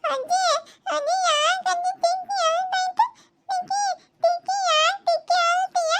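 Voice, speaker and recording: A woman's voice: steady tone, normal speed, heavy background noise. A woman voicing a small girl who coaxes her crying aunt to stop. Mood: pleading. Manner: coaxing, high and childlike.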